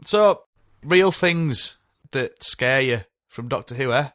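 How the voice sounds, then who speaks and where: A man's voice: medium pitch, animated, takes it slowly, fairly bright tone, no echo. Chatty man, dry sound. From North East England. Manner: chatty, laughs often, rambling recollections. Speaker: podcast co-host. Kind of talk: casual podcast chat.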